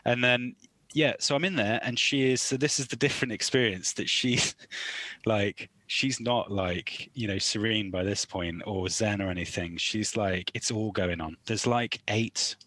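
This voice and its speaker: A man in his thirties with an English accent, telling a lively story on a casual podcast and acting out the lines he quotes. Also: fairly low pitch, a little slow, dry recording. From England. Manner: animated storyteller, acts out quoted lines loudly. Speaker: podcast co-host, new father.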